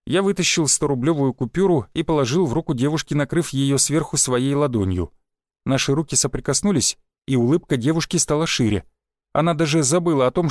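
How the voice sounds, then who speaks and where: A man narrating a first-person audiobook in a lively, expressive reading. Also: on the high side, no room sound, clean studio sound.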